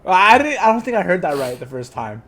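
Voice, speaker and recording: A man's voice: high-pitched, very animated, a little fast, a loud crowd. A young man co-hosting a podcast, telling stories in a casual chat, mimicking people and switching between English and Spanish. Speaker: podcast co-host.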